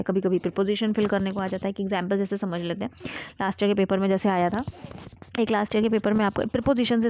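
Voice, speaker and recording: A woman's voice: medium pitch, darkish tone, no room sound. A woman teaching an exam-prep English lesson, explaining step by step and checking in often. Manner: explanatory, frequent "theek hai" check-ins.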